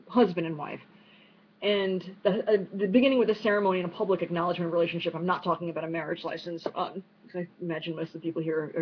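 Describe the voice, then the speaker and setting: A woman with a New York accent answering audience questions online in a quick, chatty way, full of fillers and restarts. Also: fairly low pitch, breathy edge. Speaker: speaker at an online unconference. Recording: dull lo-fi stream with faint noise.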